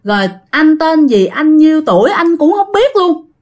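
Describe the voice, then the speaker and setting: A woman's voice: high voice, big pitch swings, normal speed, pitched above the performer's own voice. A woman voicing a restless young male ghost who possesses a girl, rude and scornful at first, then pleading. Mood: mournful.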